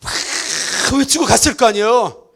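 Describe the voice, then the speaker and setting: A man with a very high voice preaches from the pulpit of a church. His delivery is animated and playful, and he drops into other voices to act out characters. He keeps calling on the congregation to respond. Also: fairly quick. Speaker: pastor. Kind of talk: lively Easter sermon with acted asides. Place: church sanctuary.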